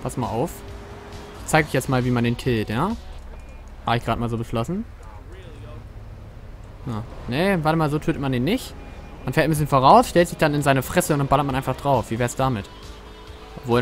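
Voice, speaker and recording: Joking German male gaming streamer. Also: medium pitch. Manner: chatty, joking, swears freely, talks to chat. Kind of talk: casual let's-play commentary.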